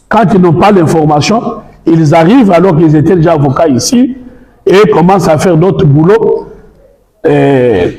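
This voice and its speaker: A man's voice: high voice, mellow. A Congolese man, a lawyer, making a formal and methodical statement, arguing his case point by point. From Congo (DRC). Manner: argumentative, methodical, citing law articles. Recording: echoey room.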